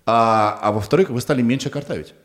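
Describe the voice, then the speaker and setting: A man's voice: mid-range voice, brisk. A man hosting a podcast interview, talking informally and rambling in short broken pieces. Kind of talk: casual conversational interview.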